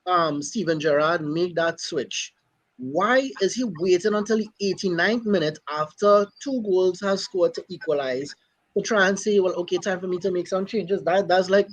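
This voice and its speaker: A man's voice: high-pitched, normal speed, poor audio. A man co-hosting a casual football chat, questioning and building his argument with statistics. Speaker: podcast co-host.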